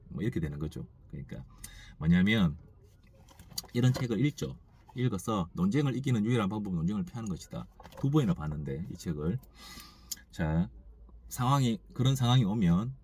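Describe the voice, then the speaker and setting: A man who runs a store, talking through a reflective morning monologue, halting and thinking aloud with many restarts, growing emphatic when he makes his point. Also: low-pitched, darkish tone. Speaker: store owner.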